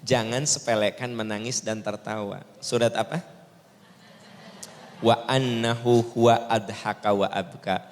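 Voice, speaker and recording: Man, Sundanese accent, sermon, lively delivery, long reverb of a mosque hall. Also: a little slow, slight background noise. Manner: lively, switches to high mimicking voices. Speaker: preacher.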